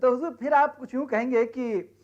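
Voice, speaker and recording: A man's voice: extremely high pitch, steady tone, moderate pace, a little mellow, dull audio. An actor playing a boastful, fawning speechwriter who spins tall tales and keeps addressing his boss with deference, in a TV comedy series. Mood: sly. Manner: boastful tall-tale telling, fawning "huzoor". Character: boastful scheming speechwriter, storyteller.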